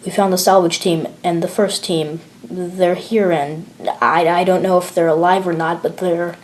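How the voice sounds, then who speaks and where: Lady voicing nervous soldier guy on the radio, shaky and rushed. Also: lowish voice, steady tone, natural voice. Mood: panicked. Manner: shaken, hurried radio reports. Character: nervous male soldier leading a squad.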